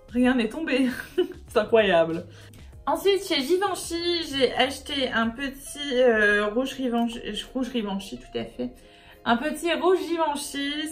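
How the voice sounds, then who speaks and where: Chatty upbeat woman beauty vlogger. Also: sits high. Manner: chatty, upbeat, with many fillers. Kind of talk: casual makeup haul chat.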